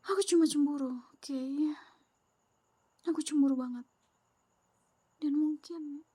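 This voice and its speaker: In a whispered ASMR roleplay, a young woman plays a clingy, possessive, jealous girlfriend, sounding soft, sweet and needy close to the microphone. Her natural voice is high-pitched, and the recording is dry.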